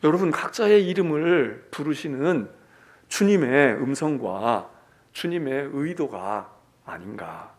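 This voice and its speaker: A middle-aged man preaching a Sunday sermon as senior pastor, swinging between hushed whispers and raised, emphatic calls, and acting out quoted lines. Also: mid-range voice, sing-song, slow. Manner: acts out quoted lines in character.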